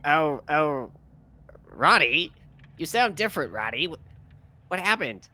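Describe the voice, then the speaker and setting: A man's voice: a little high, big pitch swings, a little slow, bright, forceful tone, pitched above the performer's own voice, full character voice. A man voicing a jittery, nervous man who repeats himself.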